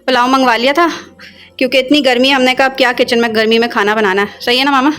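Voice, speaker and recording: A young woman vlogging in a casual, chatty way, telling family stories and turning soft and wistful when she remembers. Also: a little high, fairly even intonation, fast talker, faint music behind. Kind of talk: casual vlog chat.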